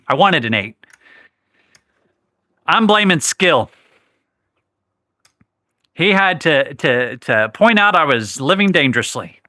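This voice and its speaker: A man's voice: fairly high pitch, bright, forceful tone, no room sound, clean studio sound. A man hosting a live craps stream, chatting casually, reading viewer comments and correcting himself, while he has the hiccups. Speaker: livestream host.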